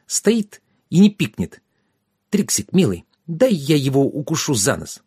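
A tiny tipsy fairy girl, as a man puts her on, giggly and bossy in a high, bright voice. Her pitch bounces up and down, and the read is dry and close. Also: sing-song, unhurried, slightly rough, dry recording, heavily acted. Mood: indignant. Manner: giggling, flighty and pushy.

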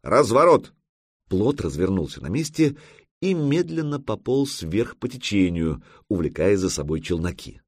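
A male audiobook narrator with a very low, husky voice. His telling is expressive, rising and falling widely in pitch. The recording is close and dry. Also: moderate pace, dry recording. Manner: expressive storytelling with lively intonation.

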